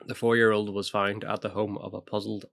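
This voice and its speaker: A man with a fairly low voice rattles through a news story at a quick clip. His tone stays dry and a little sarcastic, like a podcast co-host. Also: flat delivery, gravelly, fairly bright tone. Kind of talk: casual news chat.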